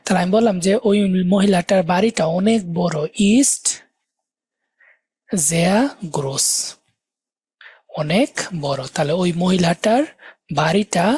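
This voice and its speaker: This male instructor's live grammar lesson moves step by step as he repeats important words and slows to sound them out syllable by syllable. His voice sits high with a darkish, slightly rough tone, captured dry.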